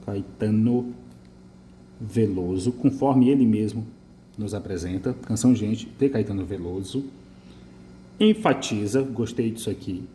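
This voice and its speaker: A man with a Brazilian accent teaching an essay-correction lesson, emphatic and lively, repeating his points as he marks the page. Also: on the low side, unhurried, slight background noise. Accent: Brazilian Portuguese. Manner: lively, emphatic, repeats phrases while writing. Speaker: writing teacher.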